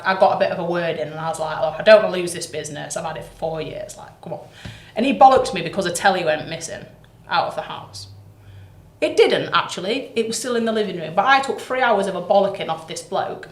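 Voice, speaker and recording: A British woman, a property investor, chatting on a podcast in a blunt, sweary, animated way. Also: medium pitch. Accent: British English. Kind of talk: casual podcast chat. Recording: roomy echo.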